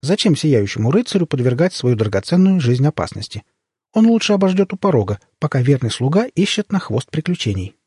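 A cheeky young woman with a raised, bright voice, as a male storybook reader puts her on, snapping back with bold, mocking quips. Her husky edge stays under the high tone, and the sound is dry and close to the mic. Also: sing-song, dry recording. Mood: sassy. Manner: bold, quick-witted, mocking. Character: brash, sleepy, sassy young woman.

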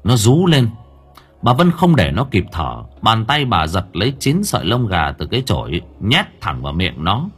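A man narrating a ghost story audiobook in an expressive, dramatic way. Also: on the low side, normal speed, slightly rough. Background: soft background music.

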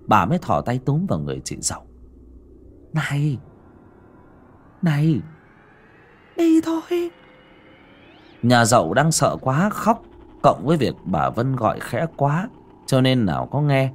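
A man narrating a ghost story in a dramatic, lively storytelling manner. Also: mid-range voice.

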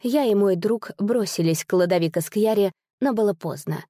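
Woman narrating a literary audiobook, mellow. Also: mid-range voice, normal speed, no room sound, studio quality.

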